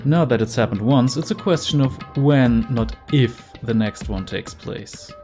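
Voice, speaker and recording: A man's voice: medium pitch, measured pace, lightly acted. Sneering, superior young man for a mystery game acted out by a man, cold and pompous, faint music behind. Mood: cold cynicism.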